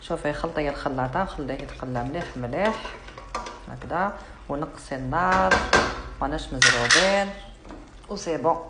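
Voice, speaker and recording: Sassy low-voiced Algerian woman cooking. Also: a little fast, very noisy. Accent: Algerian Arabic. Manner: chatty and sassy, teasing the viewer, slips into French. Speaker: cooking vlogger. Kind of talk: casual cooking demonstration. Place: home kitchen with food frying. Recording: echoey kitchen, loud sizzling pan.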